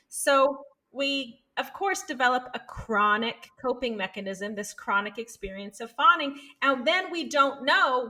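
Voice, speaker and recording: Her pitch fairly high and her tone bright and forceful, a woman psychologist and author talks earnestly and animatedly as a guest on a podcast. The conversational interview is dotted with her checking in by saying "right?".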